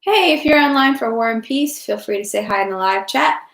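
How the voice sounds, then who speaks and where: On a casual livestream, a woman hosts a read-aloud of a novel in an everyday manner. Her voice is a little high, creaky, and a bit bright, with lively intonation and a fairly quick pace. Echo and room sound fill the recording.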